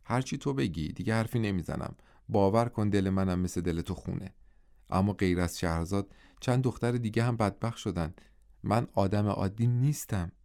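A man's voice: on the low side, gravelly, darkish tone. A male narrator voicing a police captain who pleads earnestly with an old friend. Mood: pleading.

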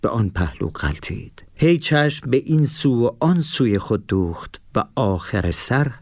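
A man narrating a children's story in an expressive storytelling manner. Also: medium pitch, no echo, studio quality.

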